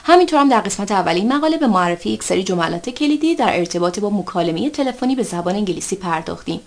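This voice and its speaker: Woman narrating a scripted language lesson. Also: medium pitch. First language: Persian. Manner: reads English example phrases slowly and carefully. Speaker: English teacher.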